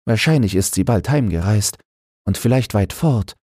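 A man's voice: fairly low pitch, lively intonation, normal speed, dark tone, husky, no echo, studio quality, pitched above the performer's own voice. A man voicing a kindly, devout wife of a river boatman in a storybook reading. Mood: gentle. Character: old woman, a boatman's wife, gentle and devout.

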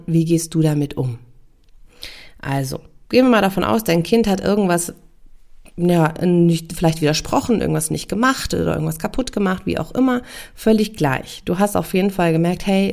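Woman, podcast host, low voice, dark tone, talks straight to the listener. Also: creaky. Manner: checks in with the listener with frequent "ja?". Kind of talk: conversational podcast monologue.

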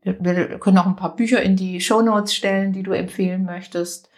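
A woman podcast host leads a casual interview at a middle pitch, steering the talk with friendly, guiding questions. Her delivery is conversational and natural. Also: steady tone, brisk, a little mellow.

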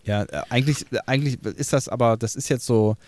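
A man's voice: mid-range voice, fairly quick, darkish tone, dry recording. A man co-hosting a casual podcast, bantering with his partner, teasing him and laughing often. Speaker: podcast co-host.

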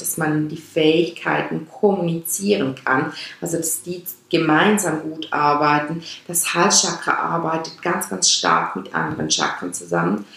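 In a very echoey room, a chakra teacher and podcast host from Switzerland talks casually about chakras in Swiss-accented Standard German, Swiss German being her first language. Her voice is fairly low, creaky and a bit bright, and she often wanders off topic with restarts and digressions.

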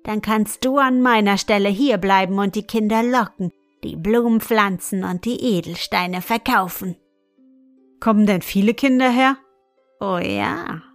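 An evil old wizard who lures children, gloating and coaxing in a slow, unhurried storybook telling, as a woman reads him out. The voice sits in a middling register and is recorded close and dry, with soft music faintly behind it. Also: medium pitch, no room sound, natural voice. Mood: scheming.

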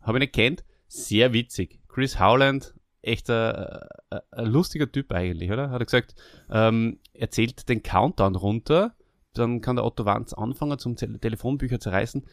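A man's voice: mid-range voice, normal speed, no room sound, studio quality. A man with an Austrian German accent hosting a podcast, chatting in an easygoing, rambling way with lots of fillers. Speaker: podcast host. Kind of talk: casual chat.

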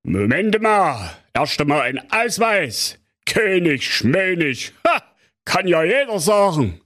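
A man's voice: high-pitched, sing-song, slow, a bit bright, pitched above the performer's own voice, full character voice. A man doing a drawling, know-it-all police inspector. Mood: officious. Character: pompous, officious male police inspector. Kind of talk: comic audio fairy tale.

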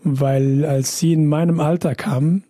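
Man in his thirties, from Afghanistan, husky tone, dry close sound, hesitant and reflective. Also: on the high side, fairly even intonation, measured pace, warm tone, no echo. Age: 30s. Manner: hesitant, reflective, many fillers. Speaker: podcast guest. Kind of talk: interview.

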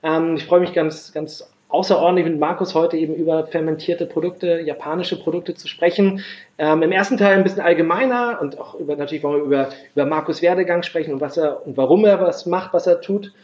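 A man's voice: on the high side, brisk, darkish tone. A man hosting a podcast interview from a small workshop, talking casually with lots of fillers and restarts. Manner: hesitant, many fillers and restarts. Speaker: podcast host. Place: workshop in a city. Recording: echoey room, dull lo-fi sound. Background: production noise.

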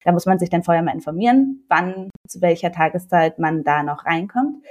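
A woman's voice: fairly low pitch, fairly quick, darkish tone. Enthusiastic young woman giving travel tips. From Germany. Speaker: guest. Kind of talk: casual podcast chat.

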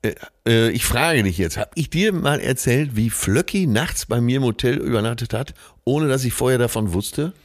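A man's voice: mid-range voice, expressive, moderate pace, few pauses. A man with a Ruhr German accent, rambling casually through a story and acting out the other people in it. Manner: rambling storyteller, acts out quoted voices. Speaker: comedian telling an anecdote. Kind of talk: casual podcast chat.

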